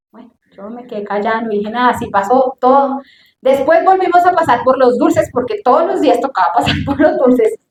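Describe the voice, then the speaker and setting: A middle-aged woman preaching a sermon in church, emphatic and lively as she tells stories. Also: high-pitched, roomy sound, a little hiss or hum, low-quality recording.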